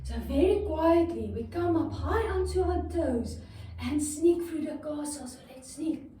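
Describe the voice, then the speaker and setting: A woman with a high, mellow voice takes her time telling a story for children while coaching them through yoga moves with gentle, encouraging steps. The sound is distant and bounces around a very echoey space.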